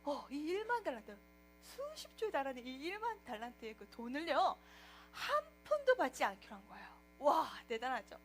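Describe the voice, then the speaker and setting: A woman preacher telling a Bible story to children in a lively way, often asking them questions. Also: high-pitched, moderate pace, slight background noise. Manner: animated, asks the children questions.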